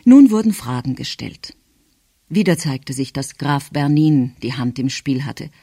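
Slow, expressive male audiobook narrator. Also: medium pitch, slightly rough, no echo. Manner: measured, expressive. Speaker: audiobook reader. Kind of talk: scripted narration. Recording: dry close studio.

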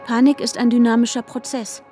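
An actress playing an anxious young woman haunted by trauma, narrating her own story in the first person with an intense, breathy delivery. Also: on the high side, level tone, brisk, close to an everyday voice. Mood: tense. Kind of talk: audio drama narration. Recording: music playing underneath.

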